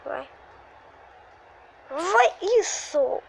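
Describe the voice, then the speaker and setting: High-pitched girl gaming at home, slow drawn-out excited cries, noisy background hiss. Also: creaky. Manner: excitable and exclamatory, constant little sighs and cries. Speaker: gaming video creator. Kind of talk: live gameplay commentary.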